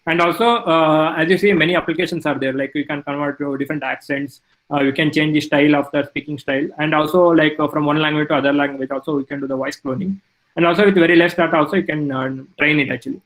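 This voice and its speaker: A male lecturer giving a technical talk, halting with many fillers. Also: fairly high pitch, fairly even intonation, a bit bright, rough recording.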